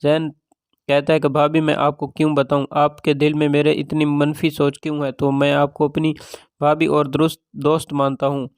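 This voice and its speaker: Flat, smooth-voiced male storyteller. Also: fairly high pitch, no echo, clean studio sound. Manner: steady, matter-of-fact storytelling. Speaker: drama reviewer. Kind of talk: plot retelling narration.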